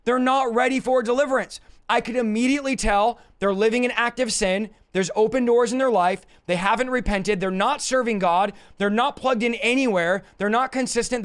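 A man with a hoarse, raspy voice worn out from yelling, preaching in an emphatic, combative and informal way on a livestream. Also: very high-pitched. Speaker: preacher and deliverance minister. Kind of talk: livestreamed sermon, informal teaching.

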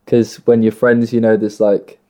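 A man in casual conversation, explaining his point of view in short, halting phrases. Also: fairly low pitch, flat delivery, mellow. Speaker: musician.

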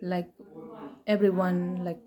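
A woman's voice: fairly low pitch, level tone, slow pace, warm tone. A woman in her twenties from Nepal, an English speaker, answering interview questions hesitantly with many fillers and restarts. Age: 20s. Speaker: interview guest. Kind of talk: casual interview.

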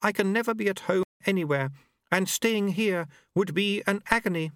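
A man voicing Unity, a haughty woman who speaks in an imperious, high, strained voice. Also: normal speed, dry recording, studio quality, close to an everyday voice. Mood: despairing.

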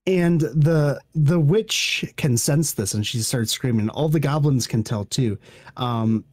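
A man co-hosting a podcast, casually recapping a movie plot with laughs and animated retellings. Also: mid-range voice, takes it slowly, no room sound, clean studio sound. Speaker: podcast co-host.

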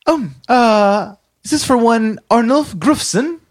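A man's voice: extremely high pitch, slow pace, voice pushed up. A man voicing a fussy, polite female city official in a tabletop game, hesitant and officious. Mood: officious, inquiring.

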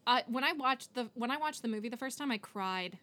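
A woman's voice: a little high, expressive, fairly quick, pushed and bright. A woman co-hosting a casual podcast chat, enthusiastic and laughing often as she recalls favorite scenes. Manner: enthusiastic, laughs often, quotes film lines. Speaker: podcast co-host. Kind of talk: casual chat about a film.

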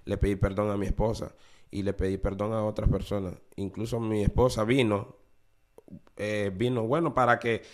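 A man's voice: on the low side, flat delivery, normal speed, a little mellow. A man giving an earnest, confessional podcast testimony, often repeating his phrases. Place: New Orleans.

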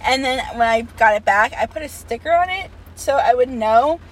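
A woman's voice: on the high side, expressive, moderate pace, far from the mic. Young woman telling stories. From Long Island, New York. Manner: storytelling, heavy use of "like". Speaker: podcast co-host. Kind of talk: casual chat.

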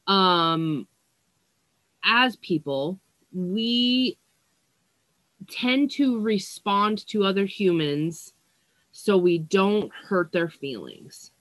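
A woman's voice: mid-range voice, no room sound. A woman healer giving a casual oracle card reading to her viewers, blunt and profane, yawning and sighing, stumbling over words as she reads the card text. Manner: blunt and profane, with frequent yawns and sighs.

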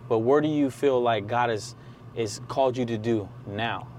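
In a casual conversational interview, a man asks his guest open questions and chimes in often with encouraging affirmations like "come on" and "yes." His voice is mid-range and a little mellow at a moderate pace, with a little hiss or hum.

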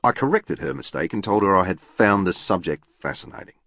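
Deep, dry, deadpan male narrator. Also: fairly quick, no echo. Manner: precise, formal and deadpan. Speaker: audiobook narrator. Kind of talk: first-person novel narration.

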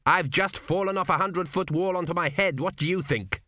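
A man voicing a newly dead king who grumbles and frets, raised well above his own pitch. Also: sing-song, normal speed, fairly bright tone, dry recording, studio quality. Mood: agitated, snappy. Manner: querulous, grumbling. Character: fretful newly dead male king, indignant.

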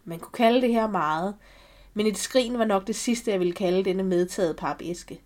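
A woman reading a first-person story aloud for a podcast, calm and measured. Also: medium pitch. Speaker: podcast reader.

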